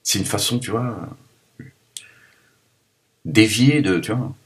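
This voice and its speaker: A man's voice: fairly low pitch, takes it slowly. A man with a Parisian accent talking at home in a casual, joking, rambling vlog, with teasing asides. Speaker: vlogger. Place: home, cold room.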